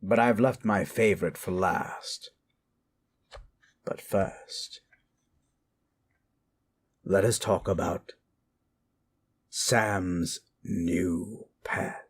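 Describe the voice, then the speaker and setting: Speaking low with fairly even intonation, this horror narrator draws out his words and pauses often. He hosts scary stories with theatrical, macabre delight, switching between dramatic storytelling and thoughtful musings.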